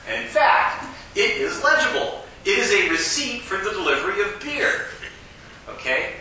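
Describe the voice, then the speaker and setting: Man, lecturer, casual joking delivery, lively pitch, echoey lecture hall. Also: a little hiss or hum. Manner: fast-talking, casual and joking. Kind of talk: classroom lecture. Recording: echoey hall, distant mic.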